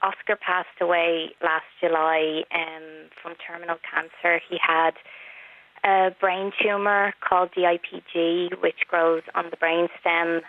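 A middle-aged woman calling into a radio show over a cordless landline phone, speaking softly and in a measured way. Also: on the low side, flat delivery. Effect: landline phone line. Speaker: caller. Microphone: cordless house phone. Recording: tinny landline phone line.

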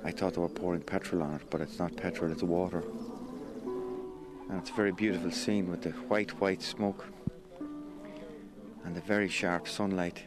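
A man reports from the scene, describing what he sees. His voice is low, with loud music and birdsong around it. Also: steady tone, normal speed, pauses often.

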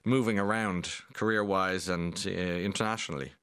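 A man's voice: low-pitched, steady tone, normal speed, a bit bright, clean tone, no echo, studio quality. A man asking questions as a radio interviewer.

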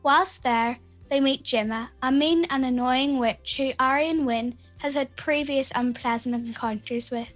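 A woman's voice: sits high, a little slow, few pauses, highs cut off, faint music behind. A female reviewer reading a prepared book review aloud.

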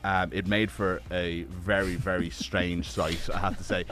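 A man's voice: sits low, little pitch movement, measured pace, a bit bright. A man in a radio studio chatting casually as a sports news guest, rambling with fillers.

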